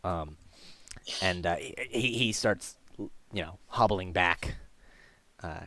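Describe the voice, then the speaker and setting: A man narrating a tabletop game as game master, halting and full of fillers. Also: low voice, a bit bright, a little hiss or hum.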